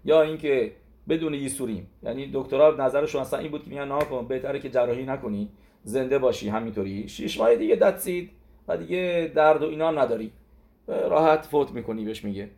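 A man's voice: mid-range voice, darkish tone. A man teaching a weekly Torah portion, telling it as a story with lots of "he says" and restarts. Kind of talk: Torah lesson in casual spoken Persian.

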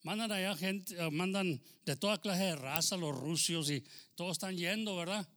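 This pastor, a Mexican American man from the United States, has a high, fairly bright voice at a moderate pace. His fervent Spanish sermon is sprinkled with amen, hermano, English phrases and a humorous story.

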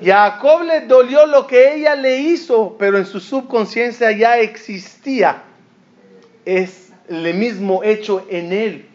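A man's voice: high voice, slow pace. A man giving a storytelling sermon, acting out the voices of the people he quotes. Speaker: rabbi. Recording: dull lo-fi recording.

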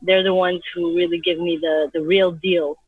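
A woman in her thirties from Abu Dhabi, a guest artist talking in a relaxed, reflective way outdoors in the wind. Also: lowish voice, normal speed, slightly rough, no echo. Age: 30s. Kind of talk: casual interview talk. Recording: dull lo-fi sound, faint music.

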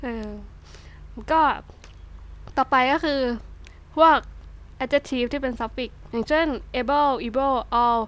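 A young woman with a Thai accent, giving a casual spoken English lesson, chatty, swearing now and then, reading out word lists slowly. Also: sits high, steady tone, fairly bright tone. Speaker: English tutor.

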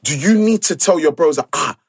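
Casting: London male pastor-podcaster, slightly high husky voice, animated slangy exhortation in casual debate. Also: brisk.

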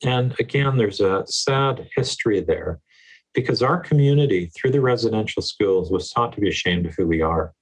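Male educator guest, slightly husky, lowish register; earnest, emphatic, repeats key words. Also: lively intonation, normal speed, poor audio. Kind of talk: earnest conversational interview.

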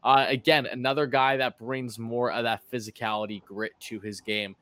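A man's voice: mid-range voice, level tone, normal speed, fairly bright tone, dry recording. A man hosting a casual livestream chat, greeting viewers and asking his guest long questions. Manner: friendly, thanks viewers, asks long questions. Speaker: livestream podcast host.

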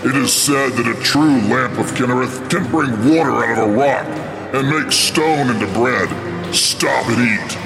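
An actor playing a reedy-voiced winged demon who tempts and wheedles in an audio drama. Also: male voice, medium pitch, unhurried, vocal fry. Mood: wheedling. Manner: wheedling, growing agitated. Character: shrieking winged male demon in tower, tempting. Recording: with music and distant.

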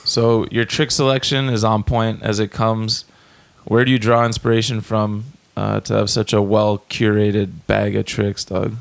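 Gravelly, flat-voiced podcast host. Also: male voice, on the low side, unhurried, hardly any pauses. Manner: relaxed, slangy interviewer. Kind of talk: casual podcast chat.

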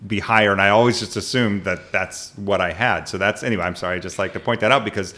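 A man's voice: lowish voice, quick pace, pushed and bright. Curious, chatty podcast host, a man. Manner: curious, chatty, restates points to confirm them. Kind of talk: casual podcast interview.

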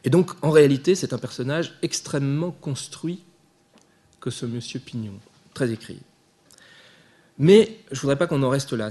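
A man giving an academic lecture, measured and thinking aloud, with small hesitations and restarts. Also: medium pitch, a little mellow.

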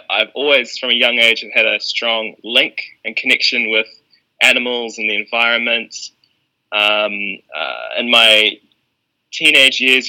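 A man's voice: mid-range voice, low-quality recording. A man with a New Zealand accent, a guest talking thoughtfully in a podcast interview. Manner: relaxed, thoughtful, many ums.

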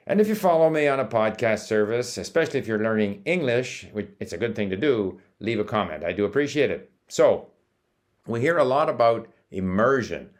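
In a language-learning video, an older man who was born in Sweden and grew up in Canada talks casually to the camera. His voice sits on the low side and moves a little quickly, and he explains calmly despite small hesitations and restarts.

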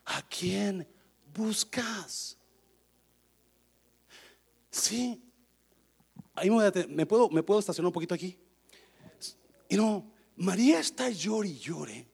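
A man preaching a sermon, switching between Spanish and English, acting out the scripture voices and building up to loud shouting. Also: high-pitched, expressive, moderate pace, gravelly, pauses often, breathy edge. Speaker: pastor.

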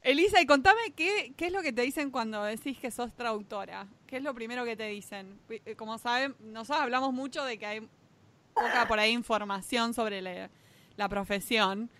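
A woman's voice: a little high, moderate pace, a bit bright. A woman with an Argentine accent co-hosting a podcast, asking long, rambling questions. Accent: Argentine Spanish. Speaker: podcast co-host, interviewer. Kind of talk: casual podcast chat.

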